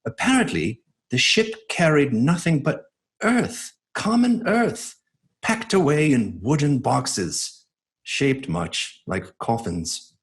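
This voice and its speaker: An actor playing a grave doctor who presents evidence and reads a news report with theatrical suspense in a horror radio drama. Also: male voice, medium pitch, very animated, slow. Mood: ominous suspense.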